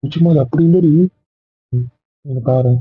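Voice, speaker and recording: A young man playing an insecure young boyfriend who coaxes and pleads with a husky voice, in a web drama. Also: medium pitch, normal speed, no room sound, natural voice. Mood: pleading. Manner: coaxing, pleading. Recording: dry, phone-like thin recording.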